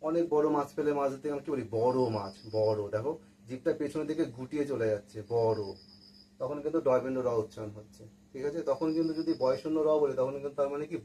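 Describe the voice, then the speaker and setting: Guy teaching pronunciation, warm mellow voice, says words again and again, bit of noise behind. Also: mid-range voice, low-quality recording. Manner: patient, repeats example words slowly and asks questions. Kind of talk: spoken language lesson.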